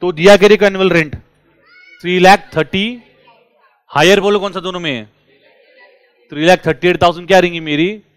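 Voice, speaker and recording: A man teaching a class, lively and drilling his students with repeated questions. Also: sits high, normal speed, pauses often, clear, resonant tone, no echo. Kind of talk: classroom lecture.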